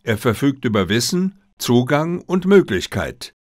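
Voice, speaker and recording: A man's voice: medium pitch, big pitch swings, unhurried, dry recording, clean studio sound. A man reading an earnest, plain-spoken, opinionated doctor, companion to a detective, in an audiobook. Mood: earnest, speculating.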